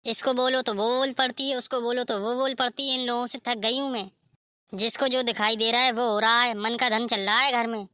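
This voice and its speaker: A woman's voice: fairly high pitch, fairly even intonation, fairly quick, sharp tone, no echo, clean studio sound. A woman voicing a scolding, complaining older mother-in-law in a cartoon story.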